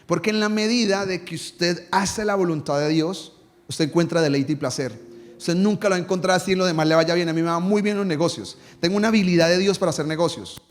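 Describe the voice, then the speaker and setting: A man preaching a sermon as a pastor, asking the congregation rhetorical questions and dropping low and soft when he quotes a prayer. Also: quick pace. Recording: long reverb in a church hall.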